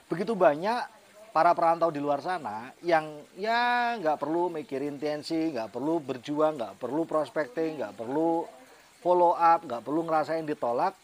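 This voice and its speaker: A man's voice: on the high side, normal speed. A middle-aged man telling a personal story in a vlog, chatty and motivational, laughing often. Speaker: network marketing team leader.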